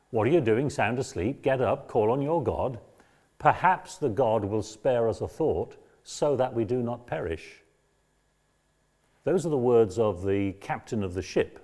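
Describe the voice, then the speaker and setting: A man giving a lecture on a Bible book, reading passages aloud and explaining them in a measured way. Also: mid-range voice, darkish tone. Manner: measured, explanatory, raises voice when quoting. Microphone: battery-powered mic.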